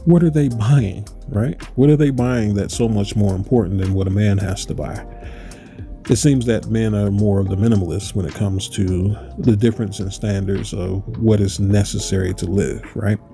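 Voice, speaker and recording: Faint music sits behind a man hosting his channel, whose lowish voice is creaky and dark, at a moderate pace. Stuffy from allergies, he rambles in a casual monologue to camera, asking rhetorical questions and self-correcting.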